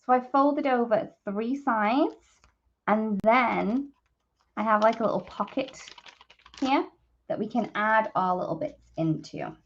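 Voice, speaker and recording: A woman hosts a live papercrafting demonstration, chatting informally with viewers and thinking aloud as she works. Her voice is fairly high and slow-paced, and the audio sounds dull.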